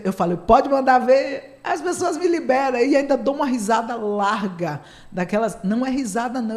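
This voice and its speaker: A woman's voice: fairly high pitch, a little mellow. A woman, a psychotherapist hosting a casual radio talk, chatty and playfully sarcastic, laughing often.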